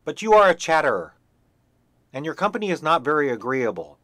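A man's voice: very animated, brisk, a bit bright, dry recording. A man voicing a bossy, haughty hen who lectures and scolds. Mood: scolding. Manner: scolding, shrill.

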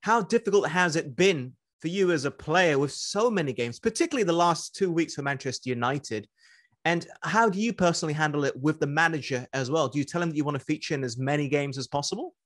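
A man in his thirties hosting an interview, putting measured, formal questions over a webcam video call. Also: on the high side, animated, a bit bright. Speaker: interview host.

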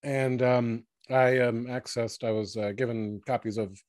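A man's voice: medium pitch, steady tone, measured pace, a little mellow, dry recording. Hesitant male podcast host, dry sound. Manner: thoughtful, hesitant with "um". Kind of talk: interviewing.

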